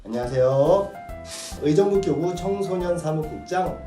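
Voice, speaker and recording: Man, priest, slow solemn reading, kind talk for kids, echoey room, a bit off-mic, soft music behind. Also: on the high side, distant mic. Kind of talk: gospel reading and children's homily.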